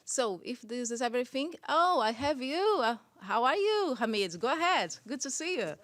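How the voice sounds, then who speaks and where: A woman's voice: high voice, sing-song, normal speed, a bit bright, dry recording. A woman spokesperson running a press briefing, polite and hesitant with many fillers. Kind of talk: press briefing, answering questions.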